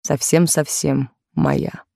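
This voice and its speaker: A woman voicing an insistent, possessive wealthy man courting a young maid, in a lowered, slow, pressing voice in a dry studio recording. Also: very animated, vocal fry, dark tone, no echo, full character voice.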